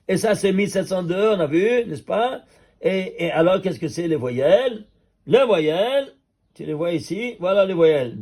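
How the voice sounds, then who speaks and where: A man teaching a Torah class as a rabbi, an animated teacher who keeps quizzing his listeners. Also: a little high, creaky. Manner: lively teacher quizzing listeners with quick questions. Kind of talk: Torah class on number mysticism.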